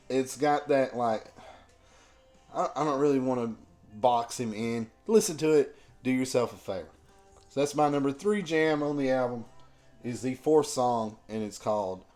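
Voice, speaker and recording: A man with a sore, rough throat giving a casual album review, slow and loose with lots of ums. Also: mid-range voice, a little mellow. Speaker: music reviewer.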